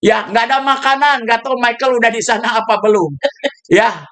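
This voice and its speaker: A male pastor preaching a sermon, telling stories with sudden shouted bursts and dropping English phrases into his talk. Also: very high voice, a little fast. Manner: storytelling with shouted bursts and laughs.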